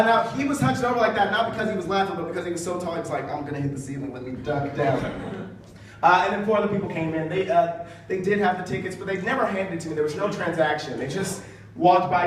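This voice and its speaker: A man's voice: sits high, noisy background. A young man from Ohio doing a self-deprecating stand-up set, full of fillers and acted-out quotes, in a comedy club. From Ohio, USA. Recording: distant, very echoey club recording with audience.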